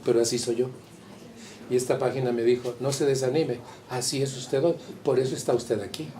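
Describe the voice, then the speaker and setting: A man's voice: medium pitch, fairly even intonation, fairly quick, dark tone, slight background noise. Candid Mexican man at a support meeting. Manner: candid, colloquial, addresses listeners directly. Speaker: Al-Anon group speaker. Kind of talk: personal talk to a support group.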